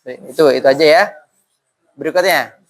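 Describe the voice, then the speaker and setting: A man teaching Quran recitation in a mosque, modeling syllables slowly and leading students to repeat. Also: fairly high pitch. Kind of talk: tahsin lesson with call-and-response drilling.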